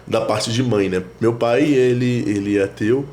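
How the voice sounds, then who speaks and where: A priest, talking reflectively in a casual interview, with many fillers and restarts. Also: male voice, medium pitch, unhurried, darkish tone, a little hiss or hum. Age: 30s. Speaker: priest, guest. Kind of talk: casual conversation.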